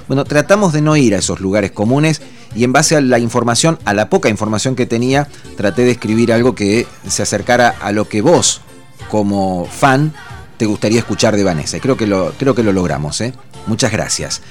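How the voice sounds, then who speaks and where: Effusive Argentine radio host with music. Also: male voice, medium pitch. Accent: Argentine Spanish. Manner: warm, effusive, full of fillers and restarts. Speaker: radio host reading listener messages. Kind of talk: casual radio talk.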